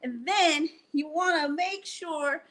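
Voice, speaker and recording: Reading a bedtime picture book at home, a storytime host and reader speaks straight to the children in a high, slightly bright voice. She takes her time, shaping each phrase slowly and deliberately.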